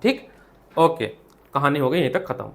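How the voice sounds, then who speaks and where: High-voiced Indian man teaching physics. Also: big pitch swings, moderate pace, gravelly, a bit bright. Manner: asks questions and answers them himself. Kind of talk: classroom lecture. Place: classroom with students.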